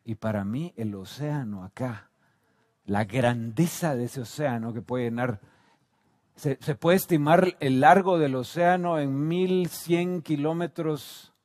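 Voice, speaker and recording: A man with a Guatemalan Spanish accent preaching a sermon, moving from quiet reflection to loud shouted climaxes. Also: medium pitch, dry recording, clean studio sound.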